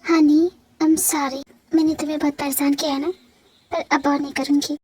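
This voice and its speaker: A woman's voice: high voice, little pitch movement, normal speed, dark tone, no echo, close to an everyday voice. A woman voicing a grieving young wife in a fan audio drama, tearful and pleading.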